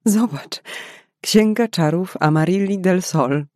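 A man's voice: high-pitched, takes it slowly, darkish tone, dry recording, clean studio sound, pitched above the performer's own voice. A man voicing a young woman, a tired nurse, in an audiobook, with raised, emotional outbursts. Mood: enchanted.

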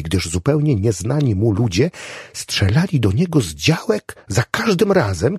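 A man reading an audiobook aloud in an expressive, storytelling manner. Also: fairly low pitch, breathy edge, no room sound, studio quality. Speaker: audiobook narrator. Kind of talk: scripted audiobook narration.

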